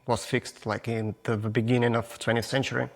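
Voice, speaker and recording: This guest photographer, a man in his forties with a Russian accent, has a gravelly, mid-range voice with little pitch movement. He speaks frankly in halting non-native English, restarting often as he gives casual interview answers.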